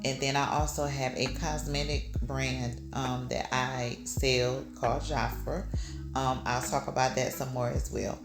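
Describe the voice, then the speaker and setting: A woman in her thirties chats through her personal goals in a relaxed, filler-heavy way. Her voice sits in a roomy, echoey space. Music plays clearly behind her. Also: a bass voice, measured pace. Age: 30s. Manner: chatty, filler-heavy, upbeat with laughs. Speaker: vlogger. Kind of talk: casual personal chat.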